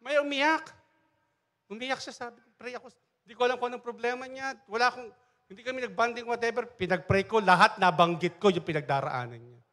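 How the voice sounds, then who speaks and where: A man's voice: extremely high pitch, quick pace, sharp tone. A middle-aged man, a pastor, giving a chatty sermon full of personal stories, acting out the lines of the people in them. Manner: chatty storytelling, acts out dialogue, many fillers and restarts. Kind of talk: conversational sermon with anecdotes. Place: church service.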